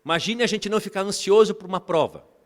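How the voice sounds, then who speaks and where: A man from Brazil preaching a sermon as bishop, animated, often calling the congregation brothers and telling family stories. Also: high-pitched, quick pace. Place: church. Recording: reverberant church hall.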